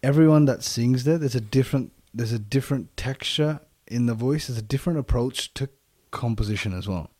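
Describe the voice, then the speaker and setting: Mellow-voiced man in reflective casual conversation. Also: medium pitch, a little fast, hardly any pauses, husky, no room sound, clean studio sound. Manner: repeats phrases for emphasis.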